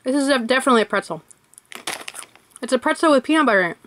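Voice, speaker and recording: A woman with a slightly high voice talks casually through a snack-tasting vlog, thinking aloud as she opens each wrapper. A faint hiss sits under the recording. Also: lively intonation, rapid-fire, fairly bright tone. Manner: chatty, thinking aloud while unwrapping. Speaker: vlogger.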